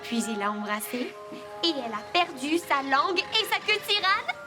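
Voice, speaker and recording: A woman's voice: high voice, very animated, normal speed. A woman playing a dreamy, enthusiastic little girl telling tales in a children's cartoon. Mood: dreamy, storytelling. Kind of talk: animated children's show acting. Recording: music behind the voice.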